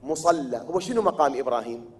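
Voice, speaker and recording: A man preaching a sermon in Iraqi Arabic, asking rhetorical questions and answering them himself, at times building to loud, emphatic declaiming. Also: mid-range voice, expressive, fast talker, breathy edge. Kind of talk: religious sermon.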